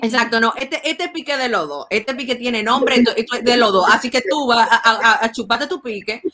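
A woman with a Dominican accent chats on a podcast. Her voice sits a bit high. She hammers her points home with slang and repeated words. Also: brisk, sharp tone. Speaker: podcast co-host. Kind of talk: casual chat.

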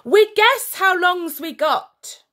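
A woman's voice: very high-pitched, animated, voice pushed up, heavily acted. A woman doing a bellowing monster general. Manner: shouted, slow, broken grammar. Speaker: teacher reading aloud.

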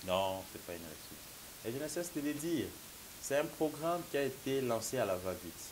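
On a political talk show, a political analyst in his thirties debates emphatically, gesturing and using the phrase "mon cher ami" repeatedly. He has a Congolese French accent, a slight cold, and a mid-range, very animated voice at a moderate pace. The audio is poor, from a lapel mic with faint hiss.

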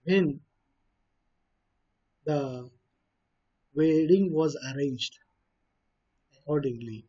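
A man's voice: fairly high pitch, very slow, pauses often, dark tone, husky. A man with an Indian English accent reads a story and explains it in his own words, hesitating often with fillers and restarts. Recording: dull lo-fi recording.

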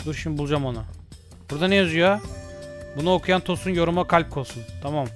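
A young man playing an escape game, chatting to himself and yelling when he gets chased. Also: on the high side, fast. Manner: excitable, yells and shrieks when chased; talks to himself and to game characters. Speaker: gaming YouTuber. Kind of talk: playing a horror escape game live, casual chat. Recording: faint game music behind.

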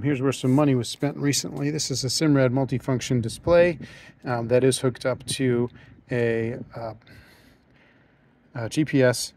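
A relaxed man gives a spoken tour of a docked sailboat, recorded on a handheld phone as he walks around. His voice sits at an ordinary middle pitch. He talks casually and fills his pauses with ums and uhs. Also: slight background noise. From United States. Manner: relaxed, thinks aloud with frequent ums and uhs. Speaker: yacht salesman giving a boat tour. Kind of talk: casual walkthrough narration. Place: aboard a docked sailboat, outdoors then in the cabin.

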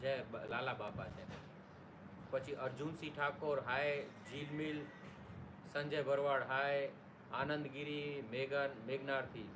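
A man's voice: medium pitch, measured pace. A man hosting a casual live stream, greeting viewers by name and joking along. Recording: noisy room ambience.

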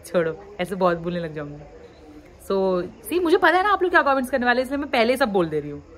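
A woman's voice: mid-range voice, big pitch swings, brisk, fairly bright tone. A young woman in her twenties from the Uttarakhand hills, venting frankly to her viewers, frustrated, mixing English phrases into her talk. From Uttarakhand, India. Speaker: vlogger. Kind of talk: candid talk to camera.

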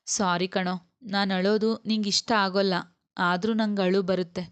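A woman's voice: mid-range voice, flat delivery, moderate pace, smooth, dry recording, close to an everyday voice. A woman voicing a grieving young mother who speaks tearfully and turns bitter. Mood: apologetic.

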